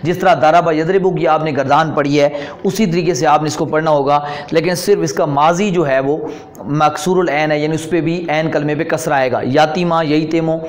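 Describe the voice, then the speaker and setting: A man with a Pakistani Urdu accent teaching Arabic grammar in a recorded online lesson, explaining step by step and reciting verb forms in slow, drawn-out chants. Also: on the high side, fairly even intonation.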